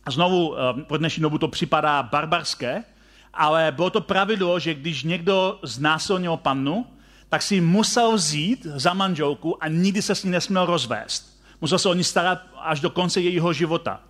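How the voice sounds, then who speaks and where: A male preacher with a rather high voice tells a story in sermon form. He turns to his listeners with direct questions and often restarts or repeats his phrases as he goes. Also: a bit bright.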